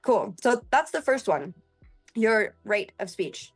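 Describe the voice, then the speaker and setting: A woman sales trainer teaching vocal technique, freely changing her speed and pitch to show each point. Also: takes it slowly, husky, soft background music. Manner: expressive, shifting pace and pitch to demonstrate.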